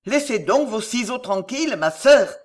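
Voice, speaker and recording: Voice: medium pitch, animated, moderate pace, close to an everyday voice. A reader voicing a blunt, cynical heavyset nobleman who speaks dryly and offhandedly. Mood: dry, offhand. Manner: dry and offhand.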